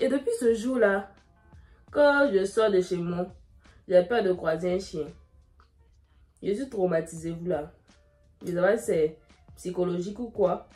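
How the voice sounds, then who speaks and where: A young woman, telling a dramatic story in a lively way while doing her makeup. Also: mid-range voice. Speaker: beauty vlogger.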